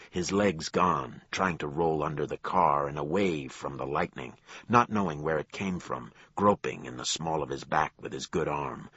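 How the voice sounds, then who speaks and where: A man narrating a crime thriller audiobook in a measured storytelling voice. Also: bright, forceful tone, husky, no room sound, muffled recording. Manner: low, measured storytelling with acted dialogue.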